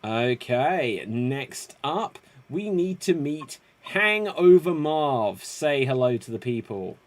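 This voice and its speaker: A man hosts a live improv game over a video call with energetic game-show flair, upbeat yet a bit rambling and prone to correcting himself. His medium-pitched voice is sing-song and slow.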